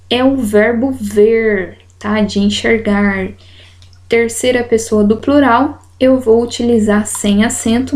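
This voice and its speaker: A woman with a Brazilian Portuguese accent teaching a grammar lesson, explaining slowly and checking in with her students as she reads example sentences aloud. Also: a little high, mellow.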